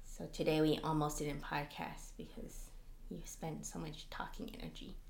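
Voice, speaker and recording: A woman co-hosting a podcast in casual chat, talking in an animated way with lots of fillers. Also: low-pitched, moderate pace, gravelly, roomy sound. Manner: chatty, animated, frequent "like" fillers. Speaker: podcast co-host.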